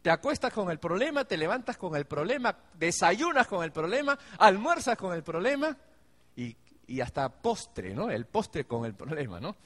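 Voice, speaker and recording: A man's voice: high voice, very animated, normal speed, fairly bright tone. A man preaching a sermon, speaking directly to his congregation and acting out the pleas of worried believers. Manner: acts out pleading believers in raised voice. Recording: long hall reverb.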